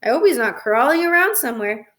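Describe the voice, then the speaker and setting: A woman's voice: sits high, big pitch swings, fast talker, fairly bright tone. A woman voicing a flustered mother of two young boys who scolds and coaxes. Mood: worried. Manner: exasperated, scolding.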